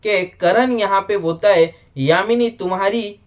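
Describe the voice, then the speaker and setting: A man with a notably high-pitched voice talks through a casual video review. He is lively and direct, often speaking straight to the show's producers. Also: unhurried, noisy background. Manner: animated, addresses the show directly, frequent "bhai sahab". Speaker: reality show reviewer.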